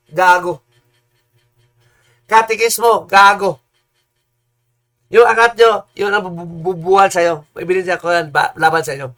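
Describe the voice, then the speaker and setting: Heated male preacher, high-pitched, combative and repetitive, swings into shouting.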